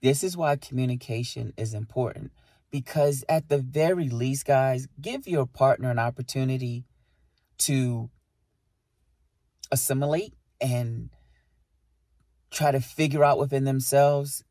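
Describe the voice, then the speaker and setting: A man's voice: medium pitch, unhurried, pauses often, dry recording, studio quality. Emphatic man lecturing on relationships. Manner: emphatic, animated lecturing with rhetorical questions. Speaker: podcast co-host. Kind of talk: casual relationship talk.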